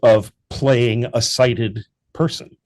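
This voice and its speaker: A man with a medium-pitched, darkish voice and fairly even intonation speaks slowly as a guest in a casual interview over a call. A theatre founder and actor, he talks earnestly about his theatre work in long, winding sentences.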